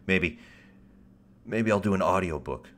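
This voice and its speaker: A livestream host chats casually in a deep, radio-style voice at a measured pace. He rambles in stop-start phrases, swears casually, and keeps a wry, self-deprecating tone.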